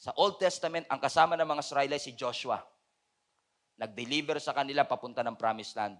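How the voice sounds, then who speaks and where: A male pastor with a Filipino accent preaching in a sermon, shifting between loud shouting and quiet joking asides. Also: mid-range voice, brisk.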